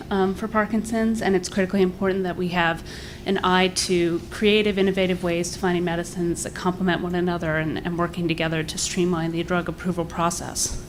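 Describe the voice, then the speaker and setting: Woman, lower-pitched, slightly short of breath, formal earnest public comment, noisy meeting room recording. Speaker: advocacy group director giving public comment. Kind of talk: prepared public remarks, partly off the cuff.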